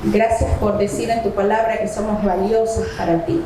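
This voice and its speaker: A woman's voice: medium pitch, steady tone, normal speed, background noise. A middle-aged woman from the coast of Ecuador, giving Bible teaching and prayer at a women's conference and asking her listeners questions directly. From Santo Domingo, Ecuador. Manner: addresses the audience directly with questions. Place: church hall. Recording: echoey church hall.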